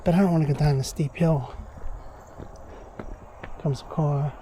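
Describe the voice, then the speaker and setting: Mellow-voiced man narrating a trail walk. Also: fairly high pitch, steady tone, unhurried, a little hiss or hum. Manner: chatty, grumbling remarks to himself. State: a little out of breath from walking uphill. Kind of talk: casual running commentary while walking. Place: outdoors on a wooded trail.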